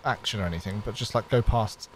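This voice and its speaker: A man's voice: fairly low pitch, fast, slight background noise. A man from Wales hosting a game stream, joking and teasing his co-player and viewers in a playful, self-mocking way. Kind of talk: casual gaming stream chat.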